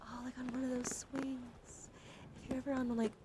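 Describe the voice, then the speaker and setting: In this ASMR stream, a woman speaks softly and soothingly, sometimes in a whisper, right up against the microphone. Her voice sits high with little pitch movement and a moderate pace, and her meandering chat repeats itself gently over audible background noise.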